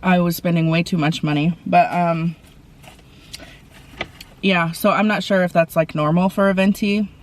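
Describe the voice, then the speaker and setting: A woman vlogger from the Portland area chatting casually while eating, with soft mumbled asides over her food. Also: on the low side, fairly even intonation, normal speed, long pauses, a little hiss or hum. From Portland, Oregon area. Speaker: mukbang vlogger. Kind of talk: casual eating-show chat.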